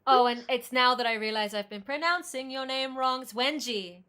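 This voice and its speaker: A woman's voice: sits high, fairly quick, pushed and bright, smooth. A woman hosting a podcast in casual chat, speaking earnestly and often repeating words as she restarts her sentences. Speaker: podcast host.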